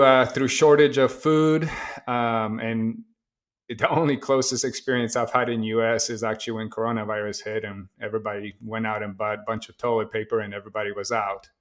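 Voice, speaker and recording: Flat-toned man, relaxed and hesitant. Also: lowish voice. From Poland. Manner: relaxed, hesitant with many fillers. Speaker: guest, tech company founder. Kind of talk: casual interview conversation.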